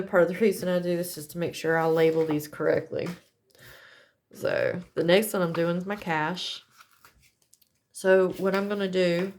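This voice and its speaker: A woman chatting casually as she demonstrates a craft setup, talking in a folksy way and correcting herself as she goes. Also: lowish voice. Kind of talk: casual how-to chat.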